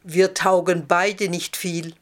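A woman voicing a rough-voiced, self-doubting lame man on crutches in a storybook reading. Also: fairly low pitch, flat delivery, slow. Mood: self-deprecating. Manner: self-deprecating, then eager.

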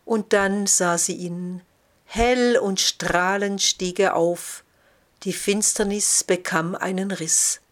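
A woman narrating a storybook in a calm, measured way. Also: on the low side. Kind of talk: storybook reading.

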